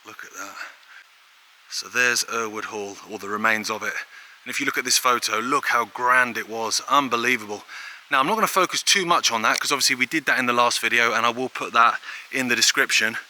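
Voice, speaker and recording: A man's voice: mid-range voice, brisk, bright, forceful tone, low-quality recording. A man hosting a walking vlog outdoors by a river, chatty and enthusiastic, a bit out of breath as he walks and films. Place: outdoors in a wooded valley by a river.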